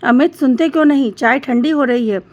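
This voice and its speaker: A woman's voice: high voice, brisk, dull audio. A woman voicing an irritable, impatient mother in a storybook tale, scolding her son sharply. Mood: irritated.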